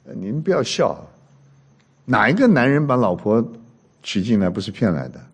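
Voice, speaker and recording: A man's voice: fairly low pitch, normal speed, slightly rough. A man preaching a sermon, telling jokes and stories and firing questions at the congregation. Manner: animated, joking storyteller who quizzes the congregation. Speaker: pastor.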